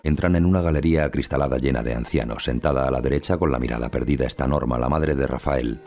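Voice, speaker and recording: A man reading scripted audio description in a calm, even voice. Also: fast talker, faint music behind. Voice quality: very deep and gravelly.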